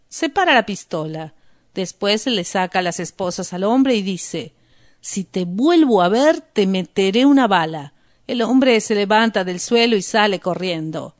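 A woman narrating a story slowly and deliberately for language learners, then reviewing vocabulary. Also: medium pitch. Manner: slow, deliberate, clear. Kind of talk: slow scripted narration for learners.

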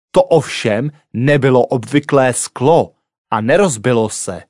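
A man reading a story aloud as a narrator, with clear, expressive delivery. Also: medium pitch, no room sound, studio quality.

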